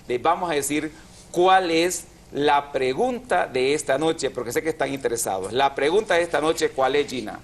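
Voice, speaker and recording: A man's voice: medium pitch, a little hiss or hum. A man hosting a TV language program, explaining grammar patiently and drawing out syllables. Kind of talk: didactic TV chat.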